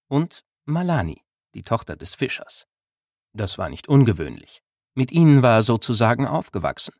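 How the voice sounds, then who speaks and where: A man narrates a novel in a calm, measured way. His voice sits on the low side. The sound is dry and close, with no room around it. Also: dry recording. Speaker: audiobook narrator. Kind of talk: scripted narration.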